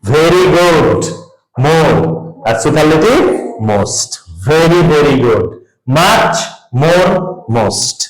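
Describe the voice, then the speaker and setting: A man's voice: fairly high pitch, expressive, drawn-out words. A male teacher, quizzing his students through a grammar lesson and drilling spellings aloud. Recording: roomy echo.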